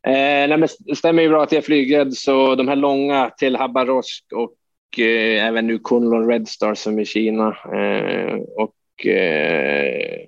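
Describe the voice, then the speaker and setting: A man's voice: mid-range voice, fairly even intonation, vocal fry, no room sound, lo-fi sound. A man from Sweden, a hockey player guest, telling a long anecdote in a loose, rambling way with lots of fillers and casual swearing.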